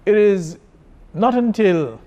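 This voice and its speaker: A Kittitian man speaks slowly in a mellow voice, giving interview answers as a church superintendent. His delivery is deliberate and halting, and he often repeats a word before carrying on. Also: high voice, expressive, lo-fi sound. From Saint Kitts.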